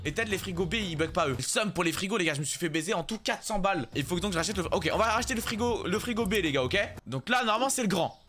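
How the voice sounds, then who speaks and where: Excitable man, gaming commentary, fast talker, bouncy pitch, music underneath. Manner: excitable, slangy, swears, jokes with viewers. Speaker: gaming YouTuber. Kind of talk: let's-play commentary. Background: background music.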